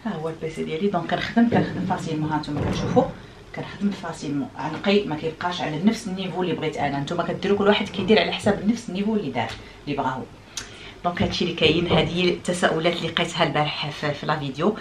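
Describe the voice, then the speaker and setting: Rapid-talking Moroccan woman vlogger. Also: sits low, noisy background. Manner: chatty, explaining and demonstrating, French words mixed in. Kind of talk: casual chat to viewers.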